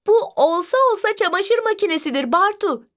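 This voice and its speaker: A woman voicing a confident young girl who is a big sister, with high, bright, quick retorts. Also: sing-song. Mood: cheerful.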